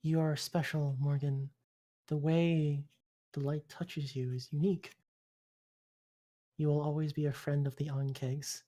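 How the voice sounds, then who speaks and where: A game master voicing a solemn, grateful giant insect broodmother in hushed, formal pronouncements. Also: medium pitch, flat delivery, measured pace, long pauses, lightly acted.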